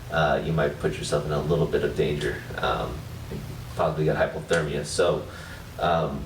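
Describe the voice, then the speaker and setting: Low-voiced man, distant and echoey. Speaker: guest sharing challenge tips. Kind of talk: casual chat to camera. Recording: distant mic, echoey, noisy surroundings.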